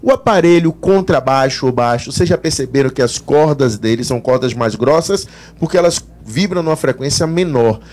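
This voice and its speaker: Brazilian male teacher, lively pitch, explains physics to a broadcast class. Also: fairly quick. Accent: Brazilian Portuguese. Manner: animated explanations, voices students' questions. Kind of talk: live exam-prep class broadcast.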